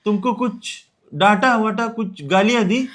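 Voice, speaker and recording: A man's voice: sits high, unhurried, a bit bright. An actor playing a middle-aged father who coaxes his crying daughter-in-law and then scolds his son, in a short film. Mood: coaxing. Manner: coaxing then angry scolding. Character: stern father of the family, middle-aged man. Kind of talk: amateur short-film acting.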